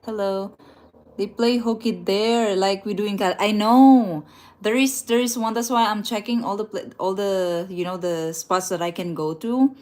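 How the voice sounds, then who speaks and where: Here a Filipina woman talks at normal speed in a mid-range, steady, somewhat dark voice. It's a casual travel livestream where she reads viewer comments aloud, laughing often and restarting sentences, indoors in a rented room at night.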